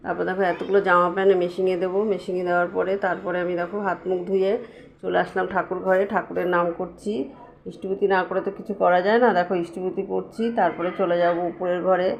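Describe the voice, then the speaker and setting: A woman's voice: on the low side, flat delivery, quick pace, vocal fry, muffled recording. A middle-aged woman vlogger chatting through her morning routine, constantly urging viewers to look. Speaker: lifestyle vlogger. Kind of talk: casual vlog narration of her morning.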